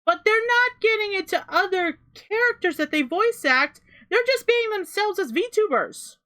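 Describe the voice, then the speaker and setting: A young woman talks through a reaction commentary in a high, bright voice. She is emphatic and hammers her points home by repeating them, dropping the odd swear. She sounds like a creator addressing her viewers. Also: expressive, a little slow.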